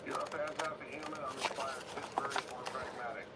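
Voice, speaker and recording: A man off to the side reading out viewer comments on a livestream in a flat voice. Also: mid-range voice, fairly quick, gravelly. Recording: distant off-mic voice with loud background noise.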